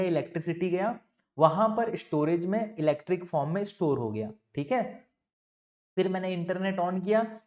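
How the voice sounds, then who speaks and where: A playful, animated male teacher lectures to children in a slightly raised voice. He keeps asking questions and answering them himself. The sound is slightly dull and lo-fi, picked up by a lapel mic. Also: a little high. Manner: lively, playful, asks and answers own questions.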